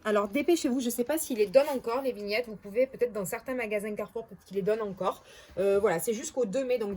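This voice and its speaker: Against a noisy background, a woman with a fairly high voice and a Marseille French accent talks casually to camera about her bargain hauls. As a vlogger she sounds hesitant and often corrects herself.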